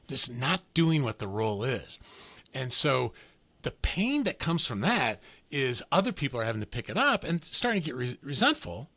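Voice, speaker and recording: Bright-voiced male podcast host, chatty. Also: medium pitch, breathy edge, no room sound. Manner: chatty, tags thoughts with "right?", tells quick anecdotes. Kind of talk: casual interview conversation.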